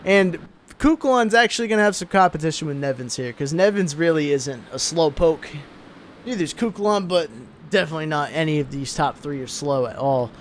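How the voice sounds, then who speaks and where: A man's voice: a little high, expressive, fairly quick, a little hiss or hum. A young man giving casual, laid-back commentary on a sim truck race, sounding tired between calls.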